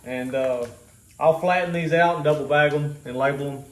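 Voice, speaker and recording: A man's voice: on the high side, steady tone, moderate pace, roomy sound. A man casually explaining a home cooking task in a rambling, easygoing, self-joking way. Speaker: homestead vlogger. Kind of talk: casual how-to vlog.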